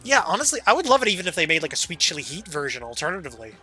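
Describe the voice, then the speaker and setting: A man's voice: fairly high pitch, sing-song, rapid-fire, bright, forceful tone, breathy edge, soft background music. A man streaming a game, chatting casually and rambling, with a casual swear here and there. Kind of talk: casual gaming chat.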